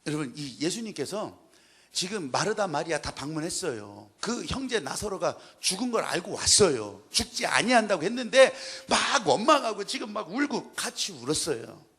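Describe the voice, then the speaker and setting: A male pastor preaching a sermon in an animated, dramatic way, acting out the scenes he describes. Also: sits high, normal speed, husky.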